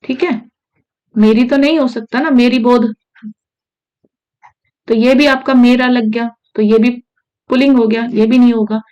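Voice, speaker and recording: A woman's voice: fairly high pitch, fairly even intonation, unhurried, long pauses, darkish tone, dull audio. A woman teaching Hindi grammar for exam prep, checking in with her students as she explains. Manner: repeats "ठीक है" often, asks students questions.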